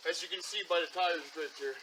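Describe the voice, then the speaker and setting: A man's voice: a little high, steady tone, a little fast. A man hosting a casual outdoor vlog by a creek in the woods, chatty and rambling as he talks to a camera on a tripod, out of breath after a hike. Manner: chatty, rambling, with frequent "uh" and "until then". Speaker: vlog host. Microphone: camera on a tripod, moving closer and farther. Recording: outdoor camera audio with loud stream noise. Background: running stream.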